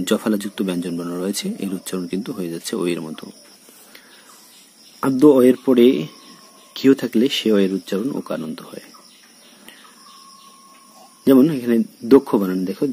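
Speaking straight to his class, this male college lecturer from Bangladesh works through a recorded lesson, explaining slowly and repeating sample words. He has a lowish, mellow, husky voice.

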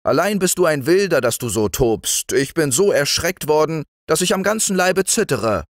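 A man voicing a defiant, scolding farmer's wife with a shrill, quick delivery. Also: fairly bright tone, dry recording, clean studio sound, natural voice.

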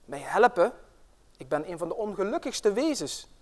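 An earnest young country doctor from the 1890s pleads in old-fashioned, polite phrasing, voiced by a man reading the tale aloud. His voice sits fairly high and sounds like storybook narration. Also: sing-song, moderate pace.

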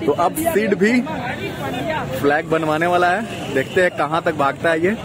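A young man narrating his friend's stadium visit in a playful, mock-grand way, outdoors near a crowd. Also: sits high. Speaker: friend filming the vlog. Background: large crowd.

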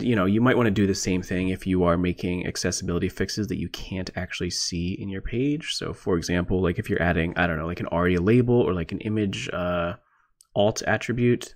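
A man giving a casual screencast lesson as an instructor, thinking aloud in a relaxed way with many fillers. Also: low-pitched. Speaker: programming instructor. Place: indoors at a computer, voice-over on screen recording.

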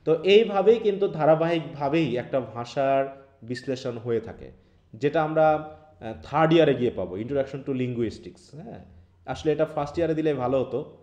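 A man's voice: mid-range voice, expressive, normal speed, warm tone, lo-fi sound. A man with a Bangladeshi Bengali accent teaching an online English class, explaining step by step and keeping the students involved with questions. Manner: keeps checking in with students by asking questions. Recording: echoey room.

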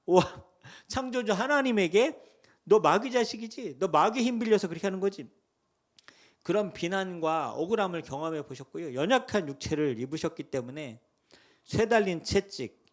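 Man, pastor, Sunday sermon, impassioned, fairly high voice, very animated pitch. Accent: Seoul Korean. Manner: impassioned, swings between hushed lows and loud cries, asks the congregation questions.

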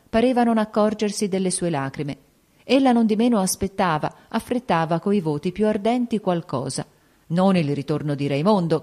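A woman narrating a classic novel as an audiobook in a measured, even-paced reading. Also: on the low side. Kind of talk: scripted literary narration.

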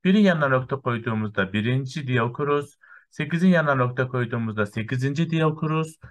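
Male primary teacher, patient, counts step by step, slow lesson for small children. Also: a little high, dull audio. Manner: counts through lists step by step, often saying "sevgili öğrenciler".

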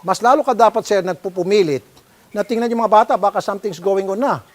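Stern scolding Filipino man host. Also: high-pitched. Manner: stern, scolding, rapid-fire questioning. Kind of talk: confrontational public-service broadcast.

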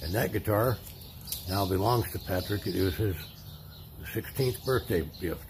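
Casting: male home-vlog host, low creaky voice, casual chat, recorded outside with birds and ambient noise. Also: measured pace. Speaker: giveaway host filming behind the camera. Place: outdoors at a driveway table.

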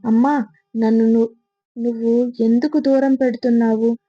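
A menacing shadow jinn spirit with an eerie, coaxing manner, as a woman narrator puts it on. The voice is fairly high and dark in tone, a bit husky, recorded dry and slightly muffled with faint music underneath. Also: steady tone, unhurried, no room sound.

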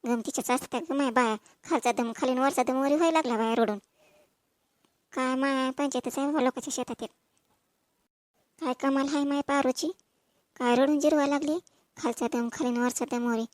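A woman's voice: high-pitched, steady tone, a little fast, long pauses, dry recording, lightly acted. A woman voicing a stern village farm owner in a cartoon, lecturing and complaining. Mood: grumbling. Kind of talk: dubbed cartoon voice.

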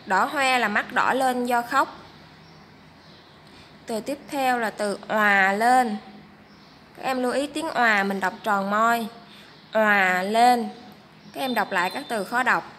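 A woman primary school teacher giving a reading lesson to first graders, reading aloud and spelling out words slowly and clearly. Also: a little high, bright, forceful tone, slight background noise. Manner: slow, clear, syllable-by-syllable teaching delivery.

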